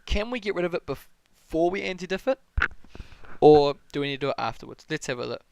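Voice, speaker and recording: A man's voice: a little high, animated, quick pace, creaky, darkish tone, clean tone. A young man with a New Zealand accent tutoring maths on a live stream, thinking aloud and answering chat questions in a casual way.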